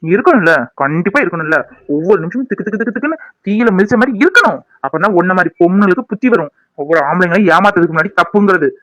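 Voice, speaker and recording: A jilted young man in a cartoon drama speaks with bitter accusation, his voice high and rapid. The sound is close and dry. A man acts him out. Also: expressive, fairly bright tone, no room sound, low-quality recording.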